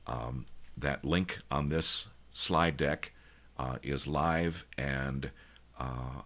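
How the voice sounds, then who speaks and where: Over a video call, a man with an extremely low, slightly bright voice hosts an online user group meeting. He organizes it and keeps things casual and jokey, with lots of ums and restarts.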